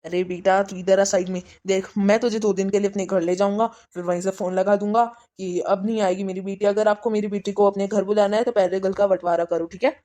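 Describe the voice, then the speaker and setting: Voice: medium pitch, little pitch movement, fairly quick, hardly any pauses, warm tone, lightly acted. A performer playing a doting, crafty father in a family skit, soothing his daughter and slyly coaxing her in-laws. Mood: conspiring. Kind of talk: Hindi family skit acting.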